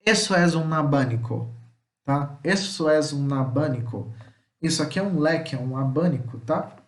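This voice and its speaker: Brazilian male teacher in an echoey room. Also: a little high. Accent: Brazilian Portuguese. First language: Portuguese. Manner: repeats words slowly, checks in with "tá?". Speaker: Spanish teacher. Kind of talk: recorded vocabulary lesson.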